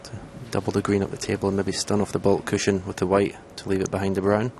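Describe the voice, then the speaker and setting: Male snooker pundit, hushed commentary, low gravelly voice, understated and technical, faint noise behind. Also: monotone, fast.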